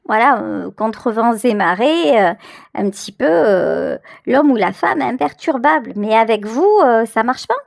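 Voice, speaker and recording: With a highish, creaky voice, lively intonation and a measured pace, a woman hosts a tarot reading in a dry, clean studio recording. Her commentary to the viewer is intuitive and improvised, marked by emphatic repetitions as she gropes for phrases.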